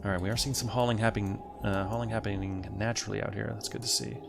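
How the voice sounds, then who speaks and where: A man with a lowish, steady, gravelly voice talks fast as he hosts a let's play, thinking aloud and casually chatting to the game's characters. Faint game music plays behind him.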